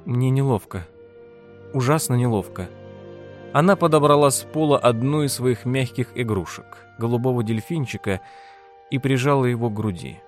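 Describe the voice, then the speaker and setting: A man narrating an audiobook in a steady, measured reading style. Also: medium pitch, soft background music. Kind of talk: scripted narration.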